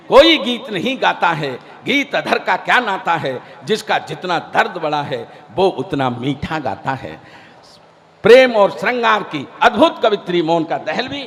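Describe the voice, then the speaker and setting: On a large event stage before an audience, a man acts as compere for a poetry gathering, teasing the crowd and declaiming comic banter and introductions. His voice is high-pitched with a fairly bright tone. He uses a stage microphone, and the stage PA adds hall reverb.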